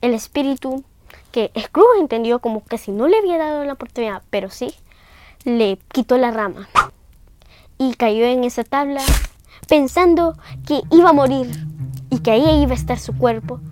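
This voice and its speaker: A woman's voice: high voice, expressive, normal speed, noisy background. A female storyteller casually retelling a classic tale in simple, loosely strung sentences. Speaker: children's channel storyteller.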